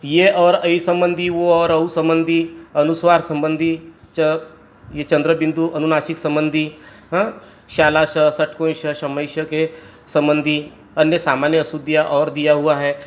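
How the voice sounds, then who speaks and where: High-voiced male teacher spelling words out. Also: monotone. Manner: explains step by step, asks students rhetorical check questions; spells words out slowly, sound by sound. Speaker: Hindi teacher. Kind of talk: classroom lesson.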